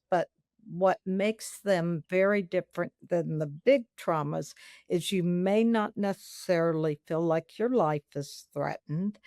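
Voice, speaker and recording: Slow, gravelly-voiced Southern woman explaining. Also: lowish voice, darkish tone, no echo, studio quality. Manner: measured, explanatory. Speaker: trauma expert guest. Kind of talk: podcast interview.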